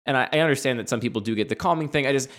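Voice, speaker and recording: A man's voice: medium pitch, rapid-fire, fairly bright tone. A man co-hosting a casual conversation, working through his argument and laughing often. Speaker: podcast co-host.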